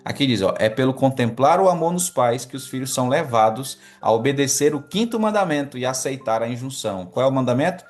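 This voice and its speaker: A man's voice: medium pitch, lively intonation, fairly quick, few pauses. A man, a pastor giving an earnest teaching sermon on a livestream, reading from a book and asking his listeners questions. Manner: earnest, addresses listeners as brothers, asks the audience questions. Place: online livestream with chat.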